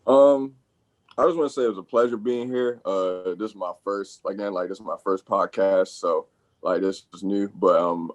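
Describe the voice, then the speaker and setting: A man's voice: deep voice, lo-fi sound. A man on his first podcast as a guest, hesitant, with lots of fillers. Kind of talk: casual basketball chat.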